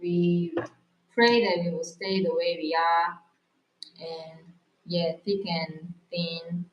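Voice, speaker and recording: A woman's voice: on the low side, steady tone, slow, lo-fi sound. Korean woman in a roomy Q&A chat. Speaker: co-host of couple channel. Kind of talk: casual couple Q&A chat.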